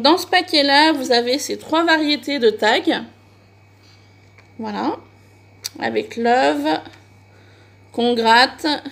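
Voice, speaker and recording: A woman's voice: high-pitched, fairly bright tone. A woman chatting casually in a shopping haul video for her crafting channel, with frequent hesitations and fillers. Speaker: crafting vlogger.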